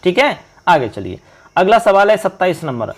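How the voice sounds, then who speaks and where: Man, teacher, quizzing viewers, slightly high voice. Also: big pitch swings. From India. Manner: quizzing viewers, reading options slowly. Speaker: exam-prep teacher. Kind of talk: online exam-prep lesson.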